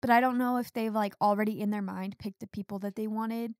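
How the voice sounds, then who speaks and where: A woman's voice: medium pitch, fairly even intonation, fairly quick, a little mellow, dry recording. Young woman podcast cohost, casual rambly chat, mid voice, dry mic. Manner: chatty, frequent fillers. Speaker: podcast co-host.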